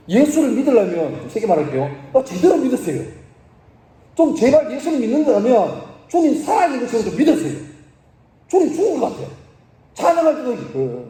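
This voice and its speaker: A man in his forties, a pastor, preaching to young people in a colloquial, animated way, jumping from loud cries to quiet asides. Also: sits high, echoey room. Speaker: pastor and school teacher.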